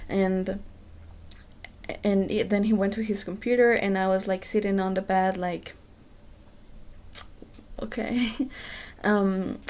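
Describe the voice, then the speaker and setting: A woman's voice: mid-range voice, dark tone. A young woman telling a personal story in a candid, rambling way, with lots of "um" and "you know what I mean" and casual swearing. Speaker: vlogger.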